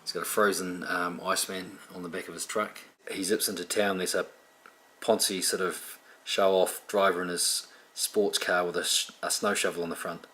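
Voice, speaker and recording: A man, an illustrator, chatting in a relaxed way about his own artwork with frequent ums, recorded as a close voice-over. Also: low voice, normal speed, low-quality recording. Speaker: picture book illustrator.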